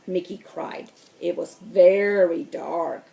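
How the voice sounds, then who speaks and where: A woman reading a children's storybook aloud in a slow, expressive way. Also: fairly low pitch, gravelly, echoey room, muffled recording. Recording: voice distant from the mic.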